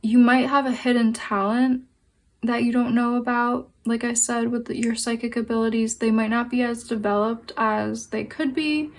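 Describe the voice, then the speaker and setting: Gentle woman giving a tarot reading. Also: a little high, flat delivery, normal speed. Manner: gentle, reassuring, with many fillers and restarts. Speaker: tarot card reader. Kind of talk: pick-a-card tarot reading.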